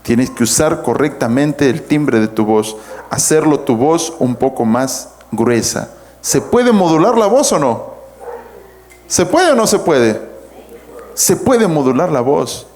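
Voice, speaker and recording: A man with a fairly high, sing-song, slightly mellow voice takes his time preaching a sermon, with a little hiss or hum in the recording. A pastor with a Peruvian Spanish accent, he teaches emphatically, swinging his voice up and down as he calls out to the congregation.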